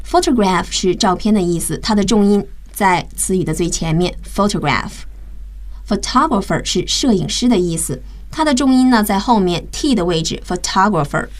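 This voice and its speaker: A woman's voice: mid-range voice, animated, normal speed, darkish tone. Woman teaching English on the radio. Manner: explains words step by step, spells them out. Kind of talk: bilingual radio English lesson.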